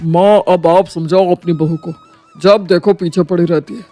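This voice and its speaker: A man's voice: high voice, fairly even intonation, a little slow, mellow, faint music behind. A man voicing a grumbling young son who complains to his mother in a cartoon story. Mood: whiny. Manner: whiny, complaining.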